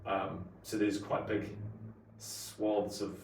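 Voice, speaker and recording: Man, 40s, broad New Zealand accent, slangy podcast guest, deep-ish voice, recorded a little away from the mic. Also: flat delivery, slow pace, vocal fry, darkish tone. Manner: colloquial and slangy. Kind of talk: casual interview chat. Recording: roomy echo, distant mic, faint noise.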